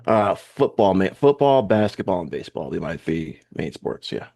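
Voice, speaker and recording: A man's voice: deep voice, very animated, normal speed, creaky, dark tone. A young American man guesting on a podcast, talking in a laid-back, hesitant way with many fillers. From United States. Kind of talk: casual podcast chat.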